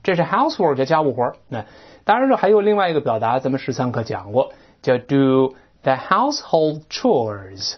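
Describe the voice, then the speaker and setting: Teacher, vocabulary lecture, animated pitch, step-by-step explaining, muffled lo-fi sound. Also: quick pace, slightly rough. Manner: lively, explains step by step, asks the class questions. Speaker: English teacher. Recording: dull lo-fi recording.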